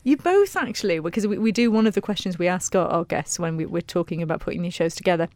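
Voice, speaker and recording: Radio host, woman, British accent, slightly low voice, chatty interviewing, no room echo. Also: quick pace, darkish tone. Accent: British English.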